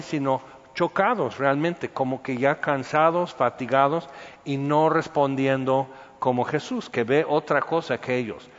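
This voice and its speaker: A man's voice: a little high, in a large hall, lo-fi sound. A man giving an informal, conversational Bible teaching with humor. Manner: conversational, acts out voices with humor. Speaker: preacher.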